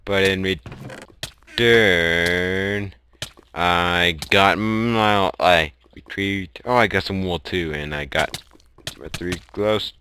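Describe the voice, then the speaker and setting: A man giving excitable let's play commentary and crying out when his character dies. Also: low voice, slow, a little hiss or hum. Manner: excitable, shouting at in-game deaths. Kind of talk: game commentary.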